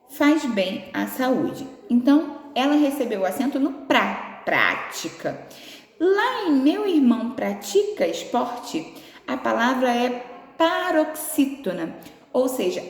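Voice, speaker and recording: A woman with a Brazilian Portuguese accent teaching a remote class, explaining each task patiently and slowly with affectionate little words. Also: on the high side, a little mellow. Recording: echoey room with long reverb.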